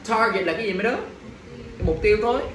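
A male teacher leads an exam review, firing quick questions at his students and checking in after every point. His voice sits a little high and carries a strong room echo, picked up from some distance with faint background noise.

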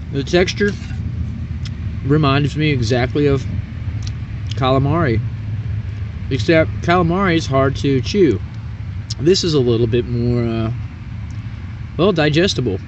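A man's voice: on the high side, animated, unhurried, pauses often. A man casually rambling through a cooking demonstration at a camp stove outdoors at night. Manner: rambling, folksy, chatty. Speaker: cooking vlogger. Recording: distant, dull camera audio with outdoor noise.

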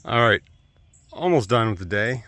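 A man's voice: lowish voice, expressive, normal speed, bright, forceful tone. A man in his thirties vlogging casually while hiking a wooded trail, rambling and trailing off with fillers, recorded on an earbud mic with the phone at arm's length. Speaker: thru-hiker vlogger.

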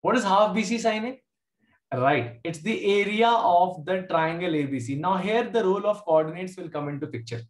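A man's voice: high-pitched, animated, moderate pace. A man with a South Indian accent teaching a live online maths lesson, informally questioning students and calling on them by name. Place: indoor room, online class from a computer. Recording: echoey room.

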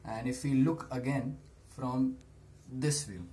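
A young man gives a maths lesson in a mid-pitched voice. He explains step by step in short, deliberate phrases. The camera microphone picks up faint noise in a small room. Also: warm tone. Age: teens to young adult. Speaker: maths tutor. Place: small room indoors at a whiteboard.

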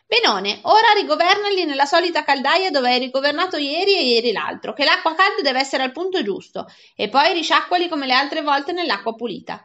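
A sly, bossy cook lecturing his kitchen boy in a storybook reading, acted by a woman. The voice is bright and pushed up, a little high. The sound is dull and lo-fi. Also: lively intonation, a little fast, hardly any pauses. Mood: smug. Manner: bossy, scolding. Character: crafty bossy male school cook. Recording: dull lo-fi recording.

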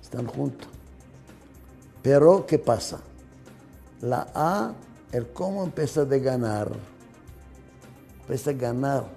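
A man's voice: mid-range voice, lively intonation, takes it slowly, vocal fry, pauses often, dark tone, faint music behind. An older man giving a management lecture, emphatic and repetitive, asking rhetorical questions, with slightly non-native grammar.

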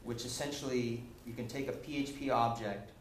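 A casual technical talk at a meetup: the young man presenting has a mid-range voice with fairly even intonation and speaks a little fast, often saying um and restarting. A camera across the lecture room picks him up, with echo and a faint hiss.

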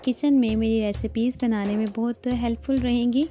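Lady calmly talking over her shopping vlog, kinda high voice, mellow, faint music under. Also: fairly quick. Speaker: vlogger.

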